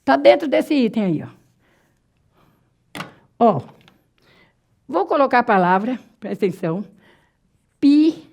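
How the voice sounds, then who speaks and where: Teacher: woman from Brazil, high and very animated voice, stretches out key terms, asks and answers her own questions. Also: gravelly. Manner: lively, repeats and spells out words slowly, asks rhetorical questions. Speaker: Portuguese teacher. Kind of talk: exam-prep grammar lesson.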